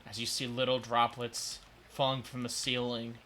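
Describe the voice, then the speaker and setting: Game master guy narrating, bright sharp voice, lots of uhs. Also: mid-range voice, completely flat delivery, normal speed, a little hiss or hum. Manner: stop-start narration with fillers.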